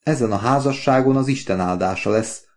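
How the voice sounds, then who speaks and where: A man's voice: mid-range voice, darkish tone, pitched above the performer's own voice, close to an everyday voice. A man voicing an earnest, talkative older father in an audiobook, pleading and heartfelt. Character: warm talkative older working-class father. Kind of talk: audiobook character voice.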